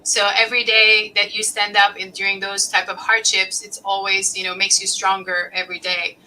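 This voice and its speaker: A woman's voice: mid-range voice, level tone, moderate pace, pushed and bright, a little hiss or hum, low-quality recording. A middle-aged woman from Lebanon hosting a podcast interview, talking casually with many fillers and restarts. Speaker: podcast host.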